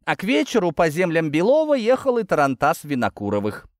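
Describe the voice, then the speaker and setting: Expressive male audiobook narrator. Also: fairly high pitch, fairly quick, dry recording, clean studio sound. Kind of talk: scripted narration.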